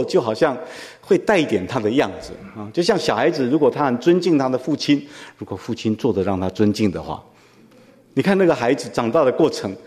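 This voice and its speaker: A man's voice: medium pitch, mellow. Preaching man in a reverberant hall. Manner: conversational teaching with frequent rhetorical questions. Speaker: pastor. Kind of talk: sermon.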